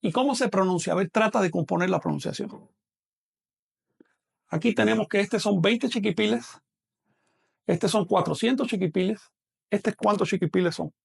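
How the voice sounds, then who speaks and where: A man's voice: high-pitched, normal speed, gravelly, long pauses, husky. A man teaching a math class online, explaining patiently and quizzing a student as he goes.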